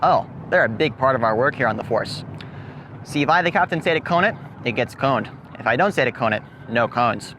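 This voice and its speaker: A man's voice: mid-range voice, expressive, fairly quick, natural voice. A young man playing a pompous, self-important site captain who rambles on about his job, outdoors at a roadside site. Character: pompous male site captain, proud of cones. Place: outdoor construction site by a road. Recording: traffic noise outdoors.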